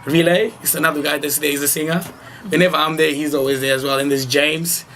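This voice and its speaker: A man's voice: fairly high pitch, little pitch movement, quick pace, pushed and bright. A young man from Zimbabwe, a local hip-hop artist, talking casually and rambling in a radio interview. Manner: laid-back, rambling, heavy with "like" and slang. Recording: faint background noise.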